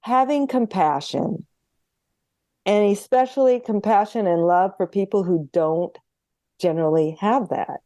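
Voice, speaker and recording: A woman's voice: medium pitch, measured pace, mellow, no room sound, clean studio sound. A woman homeopath talking as a guest in an interview, chatty and earnest, acting out bits of conversations as she tells stories. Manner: chatty, earnest, re-enacts dialogue.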